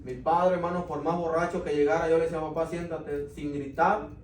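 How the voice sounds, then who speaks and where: A man's voice: a little high, fairly even intonation, fairly quick, a little mellow. A man giving an earnest Sunday school testimony in church, often calling his listeners brother. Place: church classroom. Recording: echoey room, mic far off, faint noise.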